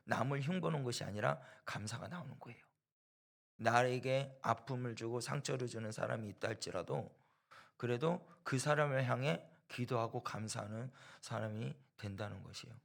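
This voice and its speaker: A man's voice: medium pitch, vocal fry. A male preacher giving a sermon, telling a personal story with rhetorical questions and repetition for emphasis. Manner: storytelling that acts out quoted voices. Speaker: preacher at a church.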